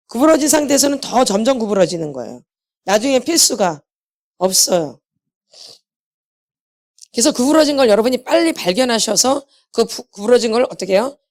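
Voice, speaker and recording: A woman's voice: on the high side, a little mellow. A woman preaching a healing sermon to a congregation, repeating key phrases and asking questions she answers herself. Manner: asks the congregation rhetorical questions and answers them. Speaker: healing ministry lecturer.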